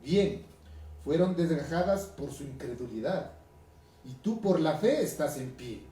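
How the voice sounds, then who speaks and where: Male Ecuadorian pastor, highland accent, conversational sermon, somewhat high voice, recorded off-mic in a reverberant hall. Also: expressive, unhurried, dark tone. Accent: Ecuadorian highland Spanish. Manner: conversational preaching, reading scripture aloud, frequent tag questions. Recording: echoey room from a distance, music behind.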